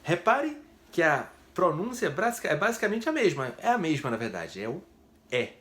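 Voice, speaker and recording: A man's voice: on the high side, big pitch swings, moderate pace, fairly bright tone. Chatty man teaching French. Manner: chatty, explains step by step with frequent "né?" tags. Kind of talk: casual video lesson.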